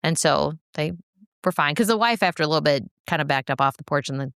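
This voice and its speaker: A middle-aged woman with a low, gravelly voice, chatting casually as a podcast co-host. She tells a story with lively energy, laughs often and slips into the voices of the people she quotes. The sound is dry and close. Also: fast talker, dry recording. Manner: animated, laughing, acts out quoted speech.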